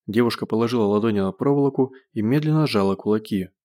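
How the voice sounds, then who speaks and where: A man narrating an audiobook in a steady, measured reading. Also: lowish voice.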